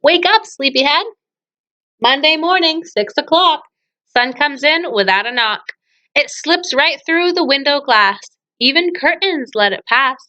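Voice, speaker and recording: A woman teacher with a high, bright voice reads children's poems aloud and explains things to young listeners, often asking them questions. Her tone is animated and forceful and her pace a little slow, while the recording has its highs cut off.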